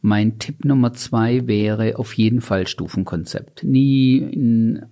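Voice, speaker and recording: A middle-aged man, a company founder, giving measured, deliberate interview answers that he sets out in lists. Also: fairly low pitch, mellow. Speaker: company founder and guest expert.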